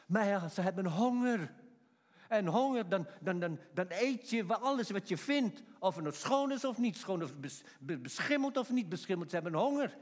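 A middle-aged man preaching a sermon in a folksy, emphatic way. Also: sits high. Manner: emphatic, folksy, acts out shouted quotes. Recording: long hall reverb.

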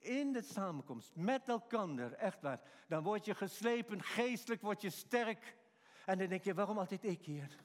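A man preaching a sermon to a congregation, animated, acting out quotes and chuckling between lines. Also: sits high, moderate pace. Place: church. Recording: long reverb of a church hall.

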